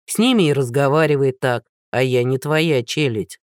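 A narrator voicing a blunt, unflappable small-town army captain who speaks plainly. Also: male voice, mid-range voice, moderate pace, clean tone, no room sound, studio quality, natural voice. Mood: calm.

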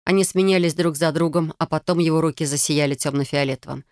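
A woman's voice: low voice, steady tone, fast talker, a little mellow, no echo, clean studio sound. Woman reading a fantasy audiobook. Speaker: audiobook reader. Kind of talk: first-person fantasy narration.

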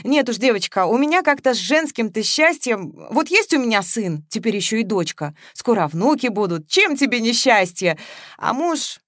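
A cheerful, house-proud older woman talks in a lively, animated way, voiced by a woman reading the story aloud. She comes across fussy and quick to take offence. The sound is dry and close. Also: a little high, no echo, pitched above the performer's own voice.

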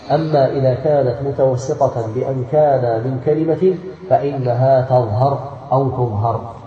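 Dark-voiced sheikh teaching a text. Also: male voice, medium pitch. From Algeria. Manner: reads a passage aloud, then explains it slowly and deliberately. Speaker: sheikh teaching Quran recitation rules. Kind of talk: classroom commentary on a classical text. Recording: dull, roomy lecture recording from a distance.

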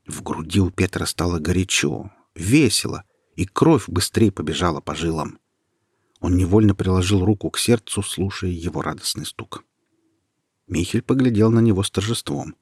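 Fields. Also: male voice, low-pitched, moderate pace, husky, no echo, studio quality. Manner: steady, expressive reading. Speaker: narrator. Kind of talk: storybook reading.

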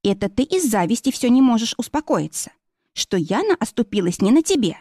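A woman's voice: medium pitch, very animated, normal speed, a little mellow, no echo, clean studio sound. A woman reading a storybook voice of a curt, snappish, bossy woman friend. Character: dry-witted bossy woman, sharp-tongued friend.

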